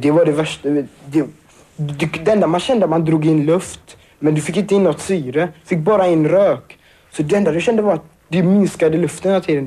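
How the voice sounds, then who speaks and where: A teenage boy recounts a personal ordeal in halting, filler-laden speech. His voice sits a little high but sounds mellow and dark. He restarts often and searches for words. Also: husky. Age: teens. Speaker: survivor interviewee. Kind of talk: emotional personal account.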